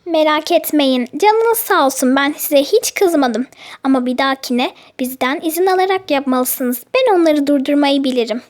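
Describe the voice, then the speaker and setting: A woman voicing a calm, kind toy aunt who reassures the children in a toy storybook play. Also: high-pitched, normal speed. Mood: reassuring.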